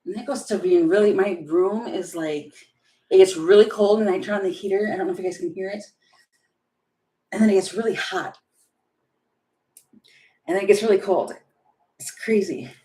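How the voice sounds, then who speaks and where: A woman's voice: mid-range voice, moderate pace, long pauses, dark tone, echoey room. A woman who reads tarot on a live stream, casual and chatty, thinking aloud from home. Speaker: tarot reader. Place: home room with a heater running.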